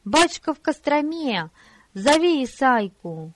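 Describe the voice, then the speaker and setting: A woman's voice: high-pitched, sing-song, unhurried, no room sound, pitched above the performer's own voice. A woman voicing a bossy spoiled noble boy. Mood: imperious. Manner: bossy, shouting commands. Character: spoiled proud noble boy, quick to anger.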